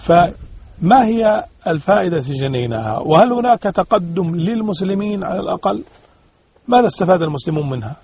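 High-pitched, husky man arguing fast. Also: lively intonation. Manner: emphatic, repeats points, poses rhetorical questions. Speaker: religious panel speaker. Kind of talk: religious panel discussion, argumentative. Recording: dull radio-like sound.

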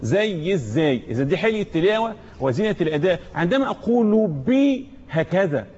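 A man with an Egyptian Arabic accent teaching Quran recitation, patiently explaining letters one by one and chanting verses slowly for students to repeat. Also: high-pitched, sing-song, darkish tone, slightly rough. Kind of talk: tajweed lesson with call-and-repeat recitation. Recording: dull lo-fi recording.

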